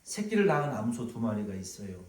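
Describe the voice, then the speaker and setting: A male pastor preaching a sermon, animated and storytelling, at times acting out sounds, in a church sanctuary. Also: on the low side, a little fast. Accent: Korean, Jeolla dialect touches. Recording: echoey hall, from far off.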